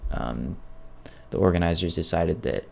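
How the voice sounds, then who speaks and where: A man narrating his own gameplay in a casual, wry and self-deprecating storytelling voice-over, with a gravelly creak. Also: low voice, normal speed, darkish tone. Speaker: video creator narrating gameplay.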